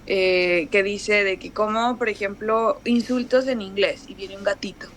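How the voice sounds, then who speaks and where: A talkative woman with a northern Mexican accent, chatting in a casual conversation. She speaks in an animated, storytelling way with lots of fillers. Faint background noise sits under her voice. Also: medium pitch, a little slow. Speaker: guest.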